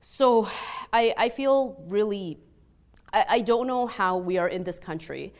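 A woman from Egypt who speaks Arabic offers personal testimony as a peace scholar on a panel, her accent Canadian-influenced over an Egyptian background. Her medium-pitched, slightly mellow voice moves a little slowly. She is conversational and earnest, often saying "like" and checking in with "right?".

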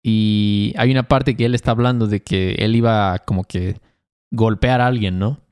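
Relaxed Veracruz man explaining slang. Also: on the low side, normal speed, smooth. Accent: Veracruz Mexican Spanish. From Veracruz, Mexico. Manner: explains slang relaxedly, tosses in English glosses and tag questions. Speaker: podcast co-host. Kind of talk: casual conversational language lesson.

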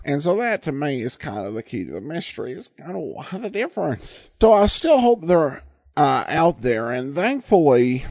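A man hosts an old-time radio podcast in a warm, medium-pitched voice with studio-quality sound and no echo. He chats conversationally and reads out listener mail, often using ums and uhs and restarting sentences.

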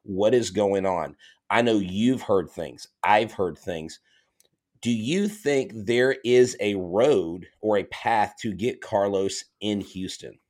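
Low-voiced man hosting a sports podcast. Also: slow, a little mellow. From Florida. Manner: enthusiastic, rambling, frequent fillers. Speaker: podcast host. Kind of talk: casual podcast interview.

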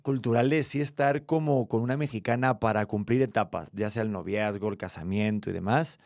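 A man's voice: on the low side, fairly quick, gravelly, a little mellow, dry recording, clean studio sound. A man from Spain with a Spanish accent, co-hosting a casual chat in an easygoing, teasing way. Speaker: podcast co-host.

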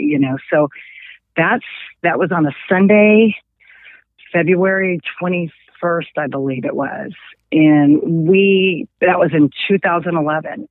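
Middle-aged woman phoning in as a guest, casual and animated storyteller, narrow phone sound. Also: low voice, no echo. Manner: animated, acts out quoted dialogue. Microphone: telephone. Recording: tinny phone line.

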